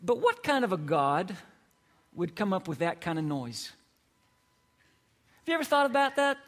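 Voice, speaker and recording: A man's voice: sits high, very animated, normal speed, fairly bright tone. A middle-aged man preaching a sermon in a conversational, playful way, full of questions put to the congregation. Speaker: pastor.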